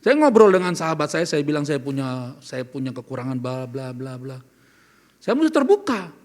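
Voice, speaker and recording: A man's voice: medium pitch, big pitch swings, moderate pace, a little mellow. A man preaching a sermon as pastor, earnest and questioning, asking the congregation questions as he speaks. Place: church service.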